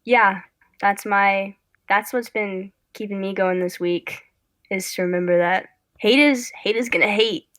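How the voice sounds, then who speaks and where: A woman's voice: mid-range voice, steady tone, measured pace, fairly bright tone, no echo. A young woman who makes online videos, a guest on a casual podcast, chatting in a rambling way that keeps breaking off and restarting. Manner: rambling, chatty, self-interrupting. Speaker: guest, content creator.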